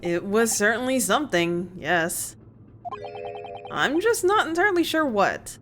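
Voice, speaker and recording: A woman's voice: on the high side, very animated, unhurried, over music. A woman voicing a flustered, exasperated young male lawyer.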